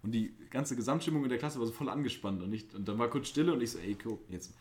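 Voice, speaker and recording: A man's voice: mid-range voice, rapid-fire, darkish tone. A young man co-hosting a podcast, chatting casually, joking around and telling stories. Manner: joking, storytelling, self-styled class clown. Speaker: podcast co-host. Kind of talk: casual chat.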